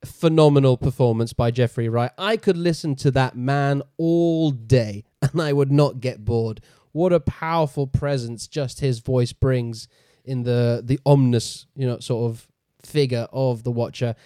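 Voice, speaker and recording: Mellow-voiced excitable podcast man. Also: medium pitch, unhurried, clear, resonant tone, no room sound, studio quality. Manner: enthusiastic, excitable, swears. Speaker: podcast co-host. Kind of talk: casual review chat.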